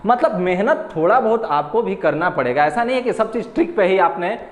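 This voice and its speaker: Guy teaching at a board, high voice that jumps around, echoey room w long reverb. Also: animated. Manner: slow, repetitive, spells out syllables. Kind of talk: board lesson on grammar.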